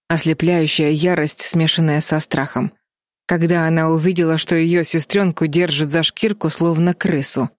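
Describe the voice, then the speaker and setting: A woman narrating a children's fantasy audiobook in a steady, expressive reading voice, recorded close. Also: low voice, dry recording. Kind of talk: scripted storybook narration.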